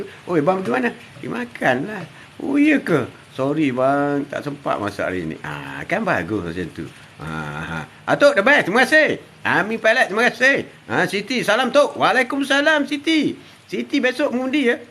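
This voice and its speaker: A man's voice: medium pitch, sharp tone, a little hiss or hum. An older man with a Malaysian Malay accent, chatting casually on a live stream, greeting viewers by name and teasing them with laughs. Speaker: live-stream host reading viewer comments.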